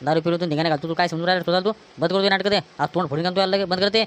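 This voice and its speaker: A man's voice: high-pitched, steady tone, slight background noise, natural voice. A man with a Varhadi Marathi accent playing an angry brother who scolds his drunk sibling in a village comedy skit. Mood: scolding. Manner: scolding, rapid-fire.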